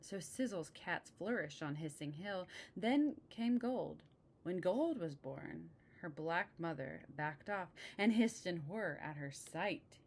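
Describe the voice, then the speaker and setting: A woman's voice: fairly low pitch, animated, a little slow, hardly any pauses. A woman reading a picture book aloud expressively, adding casual asides about the pictures.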